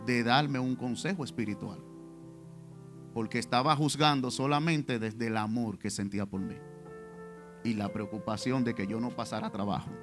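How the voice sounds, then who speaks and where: A man's voice: medium pitch, a bit bright. A man preaching a testimonial sermon in church, speaking directly to the congregation with rhetorical questions. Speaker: pastor.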